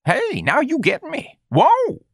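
A brash young street hustler, voiced by a male narrator scoffs and wisecracks in a much higher, whooping register. His pitch leaps around wildly on exclamations. The read is close and dry. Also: huge pitch swings, slow pace, no echo, full character voice.

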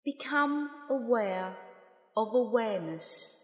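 A woman slowly leading a guided meditation in a calm, soft, unhurried voice with long pauses. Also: fairly high pitch, faint music behind. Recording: roomy long reverb.

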